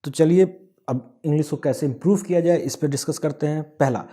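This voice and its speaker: A man from Bihar with a Bihari accent, explaining an online English lesson with everyday examples and lively emphasis. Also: fairly high pitch, brisk. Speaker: English teacher.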